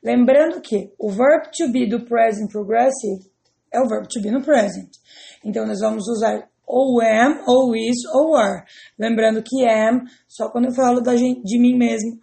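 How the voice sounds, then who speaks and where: Brazilian woman teacher, patient and methodical, a fairly high voice with a gravelly edge. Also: a little slow, mellow. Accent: Brazilian Portuguese. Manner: patient, step-by-step explaining with checking tags. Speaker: English teacher. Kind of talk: explaining grammar to students.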